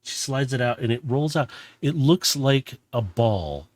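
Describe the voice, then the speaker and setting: A man's voice: medium pitch, animated, a little slow, dry recording. A man working as game master, improvising casual, descriptive narration for a tabletop game and correcting himself as he goes.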